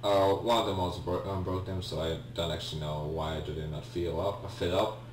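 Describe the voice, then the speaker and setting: A deep, steady-toned young man talks fairly quickly while casually playing a game for a let's play. Polish is his native language and his accent is Polish. He hesitates, restarts, fills gaps with ums and apologizes, all captured by a distant mic in an echoey room with a low hum.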